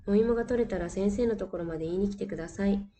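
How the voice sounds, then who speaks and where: A woman's voice: mid-range voice, fast talker, lightly acted. A woman as a kind squirrel teacher. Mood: gentle. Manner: calm, reassuring teacherly tone. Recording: distant mic with faint hiss.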